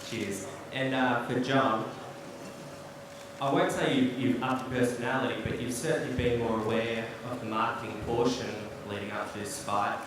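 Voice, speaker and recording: A man's voice: medium pitch, steady tone, moderate pace. A man asking questions as a reporter at a press conference. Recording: echoey press hall, distant, noisy.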